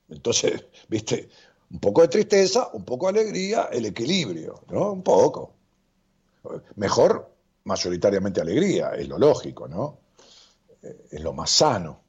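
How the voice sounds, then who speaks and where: Hombre rioplatense, voz grave y animada, charla en vivo. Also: male voice, lowish voice, husky. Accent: Rioplatense Spanish. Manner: animated, rambling, jokey, with many fillers. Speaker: psychologist hosting a live stream. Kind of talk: casual live-stream chat reading viewer comments. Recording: dull lo-fi stream audio.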